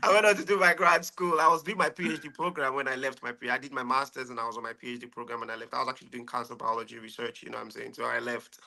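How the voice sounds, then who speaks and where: A man's voice: mid-range voice, little pitch movement, very fast, creaky, few pauses, bright, forceful tone. A man in his thirties from Nigeria with a Nigerian accent, chatting easily as a guest on a radio interview show, often laughing. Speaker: guest musician.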